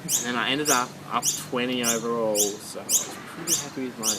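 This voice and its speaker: A man's voice: medium pitch, fairly quick. Easygoing man, noisy background. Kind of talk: casual recap talk. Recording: clear background noise.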